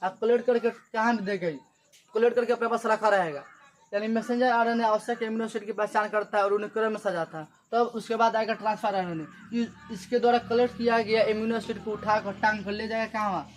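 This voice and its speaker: A man's voice: high voice, fairly even intonation, brisk, slight background noise. A man teaching a classroom biology lesson, drilling students with repeated questions. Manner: repetitive question-and-answer teaching. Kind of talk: classroom lecture.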